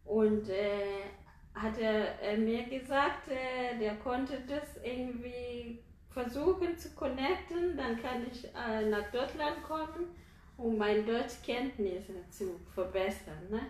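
A woman from Kenya speaks German as a second language in a slow, halting way, full of fillers and tag questions. Her voice sits a bit high. The room is roomy, with a faint hum of ambience behind her. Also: darkish tone. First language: not German. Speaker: interviewee. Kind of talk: conversational interview.

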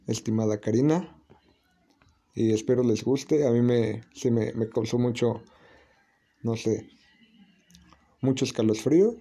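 A man tells a spooky family tale as host of his own show. His voice is heavily gravelly and very dark in color. He talks casually, with pauses and restarts. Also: mid-range voice. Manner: relaxed, hesitant storytelling with restarts. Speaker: podcast host. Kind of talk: casual storytelling.

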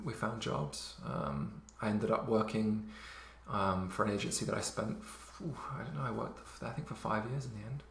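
A man in his thirties, raised in England and Luxembourg, telling stories in a relaxed way with many fillers. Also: on the low side, gravelly. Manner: relaxed storytelling, many fillers, occasional laughs. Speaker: interview guest. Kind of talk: casual conversation. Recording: echoey room.

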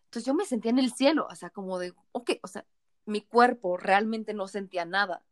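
A woman's voice: medium pitch, brisk, no room sound, clean studio sound. A woman in her thirties with a Mexican accent, a tipsy podcast co-host telling frank stories with playful quoted voices. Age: 30s. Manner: animated, frank storytelling with playful put-on quotes. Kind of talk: casual chat.

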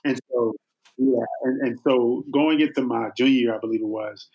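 A man guesting on a podcast, telling a story in a relaxed, humorous way. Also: mid-range voice, moderate pace, lo-fi sound. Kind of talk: casual storytelling in an interview.

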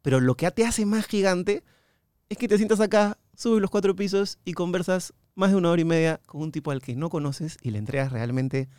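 Smooth-voiced male host performing a trick. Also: sits high, a little fast, no echo, studio quality. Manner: warm, theatrical when leading a card trick. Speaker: interview host and amateur magician. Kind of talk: casual interview conversation.

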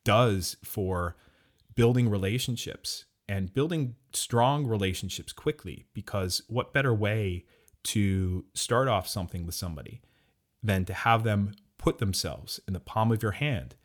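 Low-voiced reflective man. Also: a little slow. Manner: reflective, rambling with restarts. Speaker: podcast co-host. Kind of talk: casual chat.

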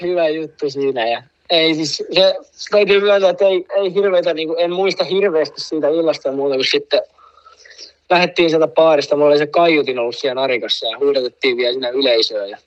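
A man with a slightly high voice rambles through a story in relaxed chat, stacking fillers and asides as he goes. The sound is dull and a bit lo-fi. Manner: rambling, full of fillers, laughs at own story. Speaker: guest telling a story. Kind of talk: casual anecdote.

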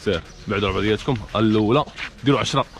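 A young man with a Moroccan accent hosting a challenge game, urging the players on with rapid repeated calls and frequent laughter. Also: lowish voice, slight background noise. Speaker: host running a challenge game. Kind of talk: energetic game commentary.

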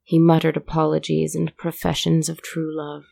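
Woman storyteller, low voice, flat and measured, dark mellow tone, dry sound. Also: gravelly, dry recording. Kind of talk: scripted story narration.

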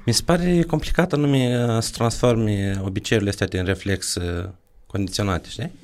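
A man's voice: on the low side, a little mellow. A man hosting a podcast, asking plain follow-up questions. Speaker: podcast host. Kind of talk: interview questions.

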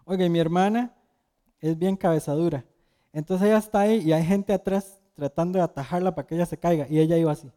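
A young man gives a casual, conversational sermon in a slightly high, mellow voice. He keeps turning to the listeners with questions and slips into personal stories between the verses. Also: fast talker. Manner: asks the audience questions and tells personal stories. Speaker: preacher.

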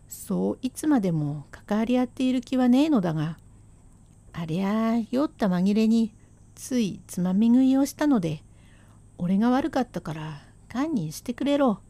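A swaggering Edo merchant husband, as a woman storyteller puts him on, dropping into a lower, mellow voice. He speaks in rough, clipped slang and blusters defensively. The sound is dry and close, as in rakugo storytelling. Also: animated, moderate pace, no echo. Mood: gruff coaxing.

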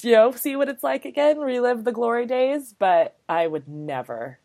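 This podcast co-host is a woman in her thirties whose darkish voice sits on the high side and moves expressively at a moderate pace. Her talk is bubbly and chatty, full of "like" and "you know."

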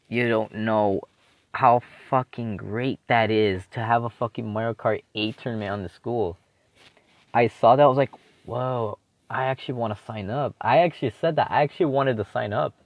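Alone on his own show, a teen podcaster talks in a loose, meandering way, cursing frequently and restarting amid fillers. The mid-range voice comes through dull audio without any room sound.

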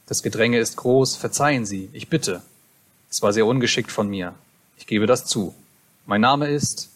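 A man's voice: mid-range voice, natural voice. A man reading aloud and voicing an overly polite, apologetic male shopkeeper from Paris in a raised, fuller voice. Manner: fussy, profusely apologetic.

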